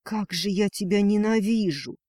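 A man voicing a fierce, protective dragoness mother in a storybook reading, his voice pushed higher and emotional. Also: expressive, measured pace, a little mellow, dry recording, clean studio sound. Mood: furious. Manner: pleading then defiant, raised voice.

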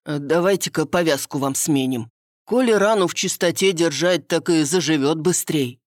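Woman doing kindly peasant woman of fifty, low chest voice, soothing folksy talk, dry close sound. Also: moderate pace, dry recording, lightly acted. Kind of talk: audiobook character voice.

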